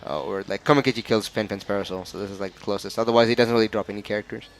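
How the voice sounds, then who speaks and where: A man's voice: fairly low pitch, steady tone, rapid-fire, soft background music. A man with an Australian accent giving casual analysis of a fighting game match, chatty and often stumbling over the players' names.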